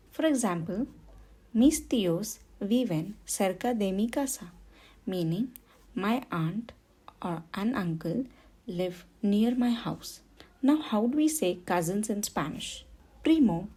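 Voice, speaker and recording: A woman's voice: medium pitch, warm tone, slightly rough. A woman teaching a beginner Spanish lesson, patiently saying each word twice for learners. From India. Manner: patient, repeats words for learners. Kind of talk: slow beginner language lesson.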